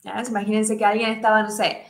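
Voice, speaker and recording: A woman teaching English in a live class, explaining step by step, checking in with her students constantly and voicing the example sentences higher. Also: little pitch movement, fast, reverberant. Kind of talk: live online English lesson.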